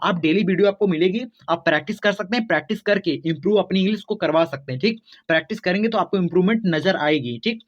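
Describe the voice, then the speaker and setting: A man with a fairly high voice teaches beginners to spell, sounding out each word letter by letter. He pauses often to check that his students follow. The recording sounds dull and lo-fi.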